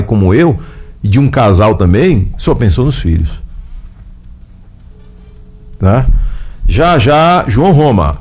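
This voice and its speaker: A man's voice: medium pitch, a little mellow, husky. Man, radio host, chatty, folksy, casual talk show. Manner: chatty and folksy, tags lines with "né?".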